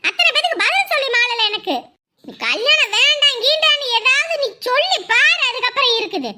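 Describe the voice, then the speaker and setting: A woman's voice: extremely high pitch, animated, fairly quick, sharp tone, a little hiss or hum, full character voice. Stern scolding mother. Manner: nagging, threatening, rhetorical questions. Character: scolding middle-aged village mother, stern. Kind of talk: Tamil family web drama.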